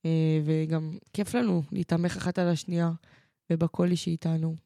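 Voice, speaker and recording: A woman's voice: fairly low pitch, level tone, gravelly, mellow, dry recording, clean studio sound. A woman co-hosting a talk show, telling personal stories in a chatty, reflective way. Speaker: co-host. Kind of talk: casual chat.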